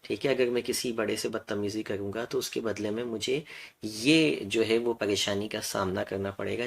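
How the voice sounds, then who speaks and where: A man's voice: medium pitch, vocal fry, husky. A man with a Pakistani Urdu accent giving a parenting advice lecture, explaining step by step in numbered points and mixing in English words.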